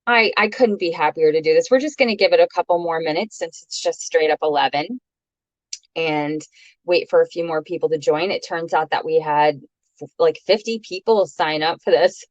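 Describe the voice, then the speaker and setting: A woman's voice: low-pitched, moderate pace, no echo, muffled recording. A woman hosting a live beauty webinar from home, chatting nervously and gushing over viewers, with many fillers and restarts. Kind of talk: casual live-stream chat. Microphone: webcam or laptop mic on a video call.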